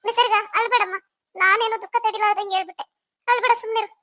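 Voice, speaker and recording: A woman's voice: extremely high pitch, fairly even intonation, quick pace, a bit bright, no room sound. A woman voicing a caring sister-in-law who coaxes and fusses in a cartoon story. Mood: worried. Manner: coaxing, fussing.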